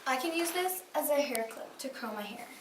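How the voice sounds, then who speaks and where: A woman giving quick playful improvised answers, tossing in little sound effects. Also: sits high, animated. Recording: echoey room, distant mic, noisy.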